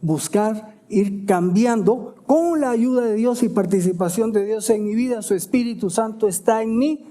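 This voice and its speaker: A male pastor preaching a sermon, asking emphatic questions and answering them quietly, often adding "¿verdad?". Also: sits high, normal speed, hardly any pauses. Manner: stops to self-correct and ask "¿verdad?".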